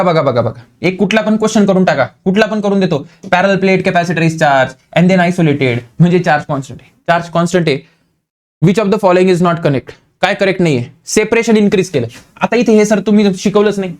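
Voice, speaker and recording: A man's voice: sits high, darkish tone. A man teaching an exam-prep physics lesson, repeating himself and coaxing students, often voicing their questions himself.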